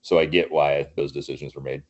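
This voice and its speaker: A man's voice: a bass voice, flat delivery, a little fast, muffled recording. A man talking in a casual podcast film review, thoughtful and hedging, with many restarts. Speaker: podcast guest, Marine veteran.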